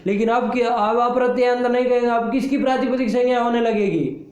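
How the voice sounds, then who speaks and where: A man's voice: very high-pitched, fairly quick, darkish tone, reverberant, muffled recording. A man teaching a Sanskrit grammar class, firing questions at students and scolding them for lazy, half-finished answers.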